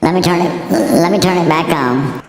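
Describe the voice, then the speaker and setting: A man's voice: fairly high pitch, normal speed, voice pushed up. A man testing a voice changer that makes him sound like he is talking inside a cave. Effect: voice changer with cave echo. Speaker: livestream host. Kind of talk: casual live-stream mic test. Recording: cavernous echo with long reverb tail.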